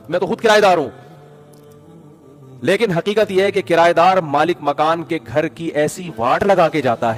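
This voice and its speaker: A man giving a conversational sermon full of stories, lively, calling his listeners brother. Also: on the high side. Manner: lively, addresses listeners as brother, acts out quotes. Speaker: religious speaker.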